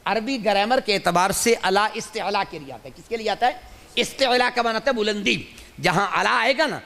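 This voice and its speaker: A man's voice: high voice, fairly bright tone. A man preaching a sermon as an Islamic scholar, who asks his listeners questions, answers them himself and repeats key phrases for emphasis. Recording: long hall reverb.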